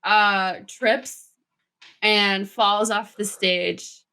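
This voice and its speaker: Bright, slow-talking woman player. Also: medium pitch, fairly even intonation, clean tone. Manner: hesitant, lots of ums. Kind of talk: casual tabletop play.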